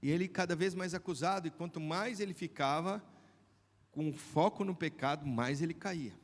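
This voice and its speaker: A man with a Brazilian Portuguese accent, preaching a sermon as pastor and swinging from hushed tones to shouts. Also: on the high side, moderate pace. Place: church hall. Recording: long church hall reverb.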